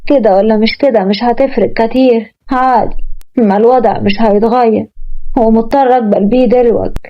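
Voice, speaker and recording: A woman with an Egyptian accent voicing a defiant, stubborn young bride who talks in quick, sassy retorts. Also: on the high side, fairly even intonation, natural voice. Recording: muffled lo-fi recording.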